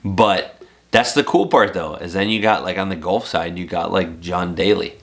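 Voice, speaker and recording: A man's voice: deep voice, normal speed, a bit bright. A man in his thirties hosting a casual golf podcast at home, laid-back and casually swearing. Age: 30s. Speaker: podcast host. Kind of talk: casual chat.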